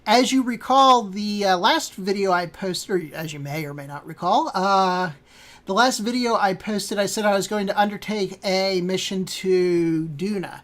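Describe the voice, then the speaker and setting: A woman's voice: mid-range voice, unhurried. A woman hosting a casual gameplay walkthrough, rambling with many fillers and self-corrections. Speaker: host.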